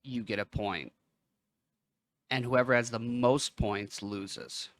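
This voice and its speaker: Man, podcast co-host, casual chat, playful and jokey, gets loud at times. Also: mid-range voice, steady tone, slow pace, slight background noise. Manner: joking, playful, loud bursts.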